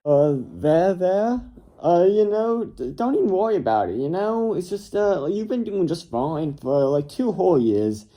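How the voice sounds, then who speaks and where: An awkward advisor, played by a man stumbles through hesitant reassurances full of fillers. His voice is on the high side and very dark. It is an amateur comedy film. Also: very animated, unhurried. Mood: reassuring.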